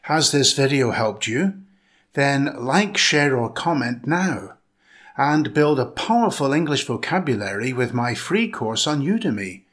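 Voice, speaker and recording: A man reads a scripted English pronunciation lesson with a bright, forward tone. His pitch moves up and down a lot, and he spells out every word with careful, clear enunciation. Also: expressive, measured pace. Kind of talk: scripted instructional narration.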